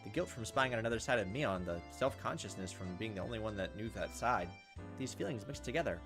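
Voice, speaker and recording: A fast-talking man with a fairly low voice narrates a visual novel as a gameplay host, music behind him. He's animated, slipping wry, joking, casual comments in between passages.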